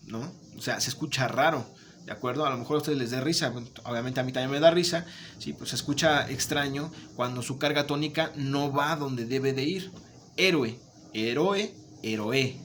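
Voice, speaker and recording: A man's voice: a little high, a little hiss or hum. A man teaching a remote lesson, patient, checking in often with his students. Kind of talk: remote Spanish grammar lesson.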